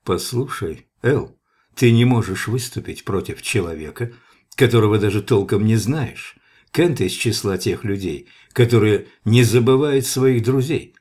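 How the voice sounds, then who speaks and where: A man's voice: on the low side, measured pace, darkish tone, husky. A man reading the lines of a domineering male crewman who speaks in a stern, mocking way.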